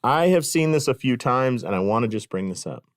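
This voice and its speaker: A man's voice: mid-range voice, expressive, a little fast, no room sound, studio quality. A middle-aged man hosting a podcast, telling a casual story with self-deprecating humor and frequent fillers. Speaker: podcast host and clinic consultant. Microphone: podcast microphone.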